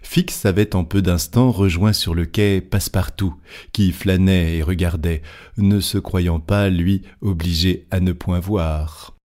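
Low, mellow-voiced male narrator. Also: fairly even intonation, measured pace. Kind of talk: audiobook narration of a classic novel.

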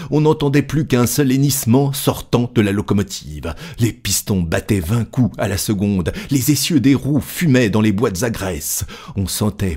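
A man narrating an audiobook of a classic novel, with measured, lightly dramatic storytelling. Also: fairly low pitch, a little mellow, slightly rough.

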